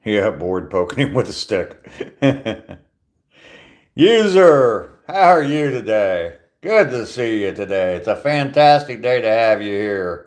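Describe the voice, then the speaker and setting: Out on a walk, a sixty-something man live-streams from his phone, reading viewers' comments and replying casually with dry wit. His voice sits on the low side with a darkish tone, and though he's very animated, he takes his time.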